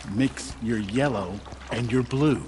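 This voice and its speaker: A man's voice: mid-range voice, takes it slowly, background noise, natural voice. A man playing a weary older cloth dyer in a video game, grumbling to himself in exasperation. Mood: exasperated, grumbling. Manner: grumbling, muttering to himself, sighing. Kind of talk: video game ambient character dialogue.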